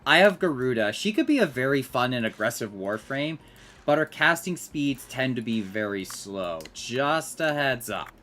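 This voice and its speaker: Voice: medium pitch, sing-song, moderate pace, fairly bright tone. A gamer giving casual commentary over gameplay and muttering while playing.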